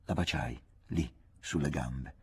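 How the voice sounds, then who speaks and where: A man reading a literary novel aloud in a measured, hushed, intimate way. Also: a bass voice, breathy edge. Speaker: audiobook reader. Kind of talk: literary audiobook narration.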